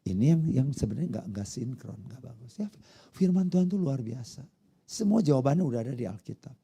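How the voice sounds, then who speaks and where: A pastor preaching a conversational sermon, often putting questions to the congregation. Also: male voice, medium pitch, sing-song, fairly quick, vocal fry, mellow, breathy edge.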